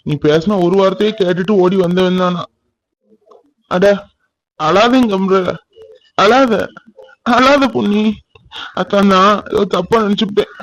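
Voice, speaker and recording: A man voicing a gruff young village man. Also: high-pitched, measured pace, long pauses, fairly bright tone, low-quality recording. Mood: consoling. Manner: gruff, scornful. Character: young uneducated village man, jealous then remorseful. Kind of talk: cartoon drama.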